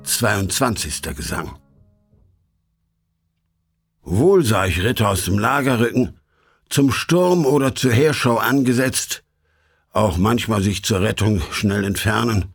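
A man reading an epic poem aloud in measured, solemn audiobook narration. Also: lowish voice, creaky, husky, soft background music. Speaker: audiobook reader.

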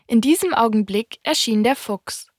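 Female audiobook narrator, fairly high, measured, close dry studio sound. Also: no echo. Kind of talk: audiobook reading.

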